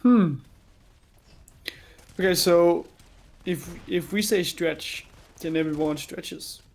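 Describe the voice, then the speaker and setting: A man co-casting a live esports stream, musing aloud in relaxed chat. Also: high voice, takes it slowly. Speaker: esports co-caster.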